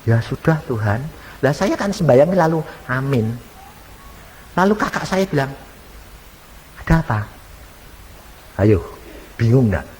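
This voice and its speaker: A man's voice: medium pitch, big pitch swings, unhurried, long pauses, a little mellow. A man preaching a storytelling sermon, acting out conversations in shifting voices. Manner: acts out dialogues in shifting voices. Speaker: evangelist preacher. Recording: hall reverb, faint hiss, old MP3.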